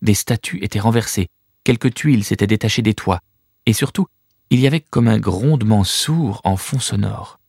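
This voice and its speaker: Low-voiced male audiobook narrator. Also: normal speed, gravelly, darkish tone, breathy edge, dry recording, studio quality.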